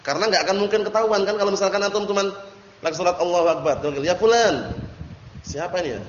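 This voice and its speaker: A man's voice: high-pitched, rapid-fire. Man teaching in an echoey hall. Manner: explains a text line by line, asks the audience questions. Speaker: Islamic teacher. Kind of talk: religious study lesson. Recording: echoey hall, dull lo-fi audio, faint hiss.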